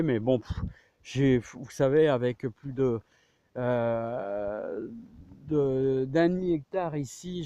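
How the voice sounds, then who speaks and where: A man's voice: mid-range voice, mellow, no echo. A middle-aged man giving a casual, enthusiastic garden tour outdoors, hesitant and rambling, often repeating himself and tacking on little tags. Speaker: amateur orchard owner showing his trees. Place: outdoors in an orchard.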